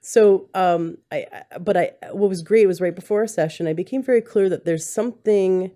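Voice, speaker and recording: A woman's voice: medium pitch, moderate pace, mellow. A woman hosting a podcast, telling a personal story in an earnest, rambling way that restarts and corrects itself, recorded at home with a handheld mic. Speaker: podcast host. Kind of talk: candid conversational interview. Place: home setting, husband holding the mic.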